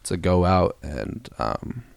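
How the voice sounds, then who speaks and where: A man's voice: sits low, big pitch swings, slow, creaky, smooth, dry recording. A young man with a New Zealand accent chatting casually as a rapper guest, laid-back and slangy. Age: young adult. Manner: laid-back slangy talk, says bro a lot. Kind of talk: casual interview chat.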